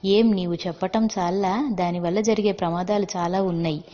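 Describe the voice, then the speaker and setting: A woman voicing an older grandfather over 60, gruff but tender, speaking in a brusque way in a storybook reading. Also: fairly low pitch, fairly even intonation, a little fast, warm tone, natural voice. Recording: dull lo-fi with long reverb.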